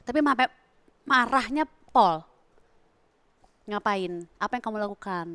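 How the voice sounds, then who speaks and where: A woman's voice: medium pitch, lively intonation, measured pace, a bit bright, smooth, dry recording. A woman hosting a casual interview show, chatty and asking follow-up questions. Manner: chatty, asks follow-up questions, agrees often. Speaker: host.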